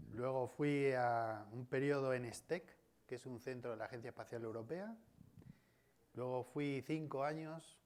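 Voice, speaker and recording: A guest speaker with a medium-pitched voice and a Spain Spanish accent gives an academic colloquium talk in a university auditorium, with slight background noise. His speech is discursive and often includes tag questions.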